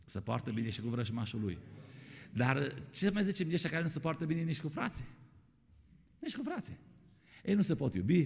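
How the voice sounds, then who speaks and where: A man's voice: medium pitch, vocal fry, darkish tone. A man preaching a sermon in a church hall, often calling his listeners "my dear ones" and putting questions to them. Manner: repeats "my dear ones", asks the congregation questions. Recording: long reverb of a church hall.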